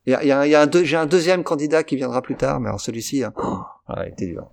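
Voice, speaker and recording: A man's voice: mid-range voice, animated, very fast, creaky, a little mellow. A man co-hosting a film podcast, giving blunt opinions with frequent stammering restarts. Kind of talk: casual film review chat.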